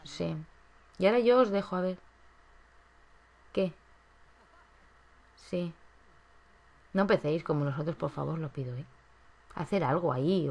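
A woman's voice: on the low side, vocal fry. A woman giving chatty gameplay commentary, coaxing the characters on screen as she plays. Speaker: gaming YouTuber.

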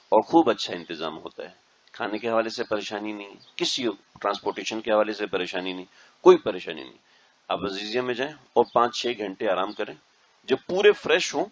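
A man, a mufti, giving an instructional religious talk to a group of pilgrims and often checking that they understand. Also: on the low side. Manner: keeps checking the audience understands. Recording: dull lo-fi recording.

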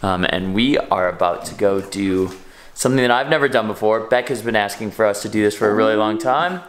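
A man's voice: fairly low pitch, a little fast. A young man filming a casual travel vlog at arm's length, upbeat and chatty as he talks to the camera. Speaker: travel vlogger. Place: outdoors and in a rented house, on the road. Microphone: handheld camera at arm's length. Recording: background music throughout.

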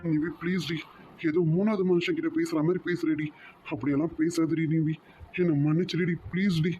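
A man's voice: fairly high pitch, steady tone, fairly quick, dark tone, dull audio, soft background music, close to an everyday voice. A man voicing a remorseful young man in a cartoon drama, pleading and apologetic.

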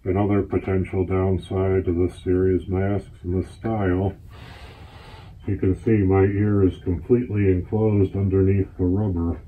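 Deep flat man talking through a gas mask. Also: unhurried. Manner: plain, matter-of-fact explaining. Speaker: gas mask collector reviewing gear. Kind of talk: casual product overview. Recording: tinny, phone-like lo-fi sound.

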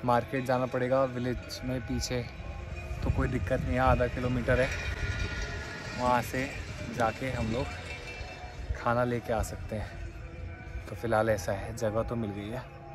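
Strolling along a road outdoors, a man talks casually to his vlog camera, calling viewers brothers and guys in a chatty way. He speaks in a level, mid-range voice at an unhurried pace with long pauses, while music plays in the background.

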